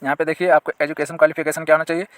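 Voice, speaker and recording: Male exam-prep teacher, slightly high voice, dry close mic. Reads notice text slowly, then explains it to viewers. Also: level tone, no echo. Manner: asks viewers questions and points them to sections on screen.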